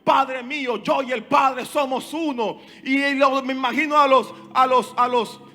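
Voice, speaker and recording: A man preaching a sermon as pastor, impassioned and often raising his voice to a shout. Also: very high voice, steady tone, a little slow.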